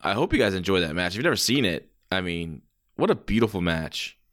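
A man's voice: low voice, very animated, brisk, fairly bright tone. A man doing casual play-by-play as a wrestling commentator, reacting with exclamations and the odd swear word.

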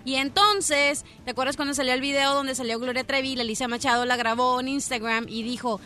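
A woman co-hosting a radio show, chatty and animated as she tells jokes and gossip. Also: high voice, a little fast, faint music behind. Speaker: radio co-host. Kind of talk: joke-telling and gossip banter.

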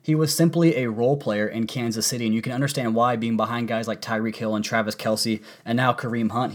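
Fast-talking man with a sore, congested throat. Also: medium pitch. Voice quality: strained, congested sore-throat voice, like swollen tonsils. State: sore throat from a cold, voice partly lost. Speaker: sports podcast host. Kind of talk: sports podcast commentary.

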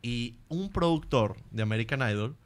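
A man with a Venezuelan accent, a comedian guest telling stories on a podcast in a lively way. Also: mid-range voice, normal speed. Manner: animated storyteller who slips into accents and impressions. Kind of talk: casual podcast storytelling.

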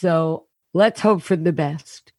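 Woman, deep voice, worn from rehearsals, self-mocking storyteller, dry remote-call sound. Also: darkish tone, no room sound. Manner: anecdotal, self-mocking, quick punchlines. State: voice deeper than usual today, worn from a show and rehearsals. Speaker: comedian guest. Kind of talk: casual storytelling interview. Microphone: remote call over unstable internet.

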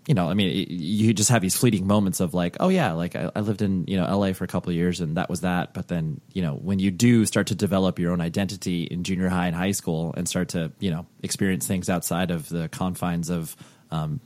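A podcast host with a low voice chats casually in an interview, rambling with lots of fillers and restarts. The recording has no echo.

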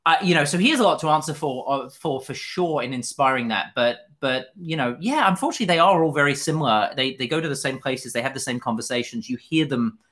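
British man giving candid, halting interview answers. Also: mid-range voice, expressive, fairly bright tone. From Fife, Scotland. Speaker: interview guest, journalist and author.

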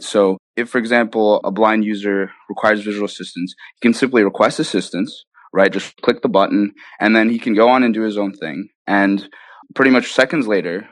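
A man with a lowish voice, an app founder being interviewed, explains his work with enthusiasm. He keeps things conversational, punctuating points with "right?" and "you know". The recording is dry.

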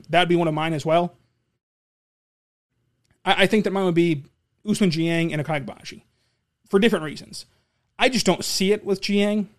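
A man hosting a casual basketball podcast, answering listener questions in a rambling, opinionated way, often repeating and restarting words. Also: a little high. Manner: opinionated, confident. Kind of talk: casual solo talk show.

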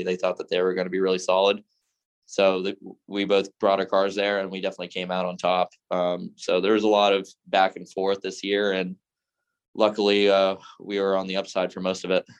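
A young man with a very low, flat voice answers a podcast interviewer's questions about his racing season. He speaks earnestly and in fits and starts, often breaking off and restarting his sentences. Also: clean tone. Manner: earnest, halting with many restarts. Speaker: racing driver guest.

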